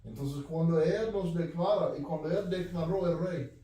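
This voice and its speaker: A man with a high voice preaching a sermon, earnest and direct, circling back over his own phrases. He is picked up from well away from the mic, and his words ring around a very reverberant room. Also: moderate pace, dark tone. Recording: very echoey room, voice from far off.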